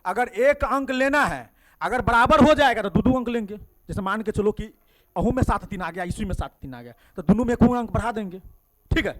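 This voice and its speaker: A man's voice: high-pitched, expressive, a little fast. A man with a Bihari Hindi accent teaching a math class, coaxing students with constant questions in a classroom.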